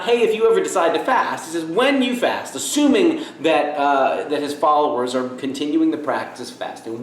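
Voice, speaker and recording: A man preaching a casual video sermon as a pastor, talking conversationally with frequent restarts, repeated words and playful asides. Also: mid-range voice. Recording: roomy echo, faint background noise.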